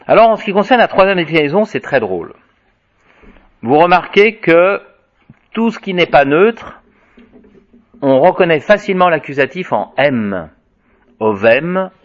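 Man chanting Latin declensions, lively. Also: medium pitch. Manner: chants word forms, then explains in asides. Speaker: Latin teacher. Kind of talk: lesson reciting declensions. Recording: dull lo-fi recording.

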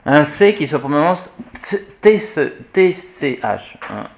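A man's voice: on the high side, big pitch swings, takes it slowly, vocal fry, a little hiss or hum. A man teaching church Latin pronunciation to a class, spelling out letters and repeating example words with frequent hesitations. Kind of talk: classroom lesson.

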